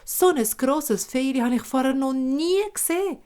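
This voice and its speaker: Woman doing a high eager shepherd boy. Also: moderate pace, darkish tone, clear, resonant tone, lightly acted. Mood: eager pleading. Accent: Swiss German.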